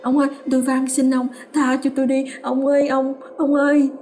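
A woman's voice: medium pitch, animated, moderate pace, dark tone, a little hiss or hum, natural voice. A woman voicing a cruel, scheming old mother who wails and snarls in a storybook tale. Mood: terrified pleading. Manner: wailing, then snarling and spiteful.

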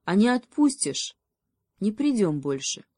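A woman's voice: medium pitch, very animated, measured pace, warm tone, dry recording, clean studio sound, pitched above the performer's own voice. A woman voicing an earnest, loyal young male beaver who pleads with his friends. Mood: pleading.

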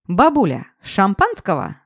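A woman voicing a pushy, drunken ex-husband who talks cocky and loud. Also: mid-range voice, huge pitch swings, unhurried, dry recording, clean studio sound, exaggerated voice. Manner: boisterous, cocky.

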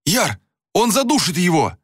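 A loyal young friend in a storybook, voiced by a man, cries out in a high, strained voice full of panic. His pleading runs fast and shrill, recorded close and dry with no room sound. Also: very animated, breathy edge, no echo, heavily acted. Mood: frantic. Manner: pleading, frantic, shrill when shouting.

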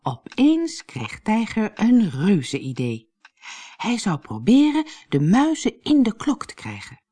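A woman narrating a children's fairy tale audiobook in a lively, expressive way. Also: medium pitch, takes it slowly, husky. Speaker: storyteller.

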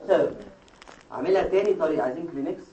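Fast-talking Egyptian lecturer in an echoey hall. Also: male voice, fairly high pitch, mellow, distant mic, slight background noise. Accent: Egyptian Arabic. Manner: explains step by step, quizzing students with quick questions. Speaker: medical lecturer. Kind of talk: classroom lecture. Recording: echoey hall, taped from afar.

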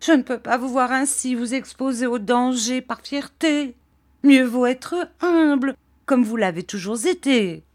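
A woman voicing an elderly, fawning mother who begs her son in a high, shrill, beseeching voice. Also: unhurried, a little mellow. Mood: pleading.

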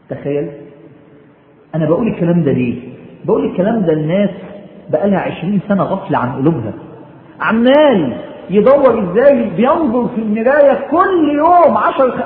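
Through a noisy, tinny, phone-like recording in an echoey room, a man with an Egyptian Arabic accent preaches in colloquial speech. His voice sits high as he exhorts listeners with emphatic rhetorical questions and recited quotations.

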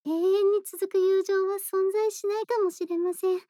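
A woman voices a shy, bookish young woman in a bedtime audio drama. Her voice is very high and mellow, recorded close and dry. She speaks politely and earnestly, measuring out each thought with gentle hesitation. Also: steady tone, normal speed, dry recording. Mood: earnest, reflective. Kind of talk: soft bedtime voice-acted role-play, intimate monologue.

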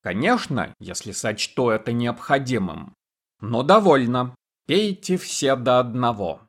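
A man voicing a sly, boastful male rogue who shouts commands. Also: medium pitch, expressive, measured pace. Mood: commanding.

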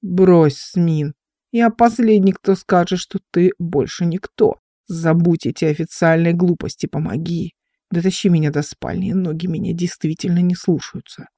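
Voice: medium pitch, fairly even intonation, normal speed, mellow, no echo, clean studio sound, natural voice. A reader voicing an injured young male officer who is wry and coaxing. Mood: pleading.

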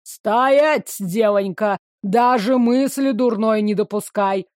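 A woman voicing a gruff, mocking male city guard who talks slowly and tauntingly. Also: medium pitch, a little mellow, no room sound, studio quality, close to an everyday voice. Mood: sneering. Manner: sneering, slow and taunting.

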